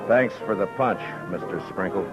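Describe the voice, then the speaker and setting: An actor playing a steady, stubborn frontier marshal who also narrates a 1950s radio western. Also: male voice, deep voice, moderate pace, natural voice. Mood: firm. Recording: dull old radio recording, music behind.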